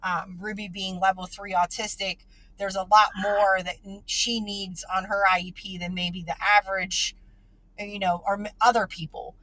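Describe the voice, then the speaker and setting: A woman hosting a podcast talks about her child in casual conversation, earnest and emotional, with lots of fillers and restarts. Her medium-pitched voice has a level tone and sounds pushed and bright, at a normal speed, on a dry recording.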